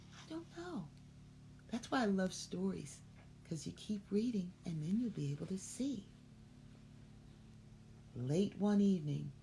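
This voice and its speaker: A middle-aged woman reading a children's picture book aloud, expressive and asking the listeners questions. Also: mid-range voice, slight background noise. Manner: expressive, asks listeners questions between passages. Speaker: children's story reader.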